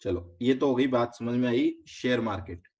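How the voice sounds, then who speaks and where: A man's voice: mid-range voice, darkish tone. A man with an Indian accent teaching a finance lesson step by step, quizzing students and mixing in English terms. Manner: explains step by step, asks students quick check questions; mixes English terms into explanation. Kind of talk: online class lecture. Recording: slightly dull lo-fi recording.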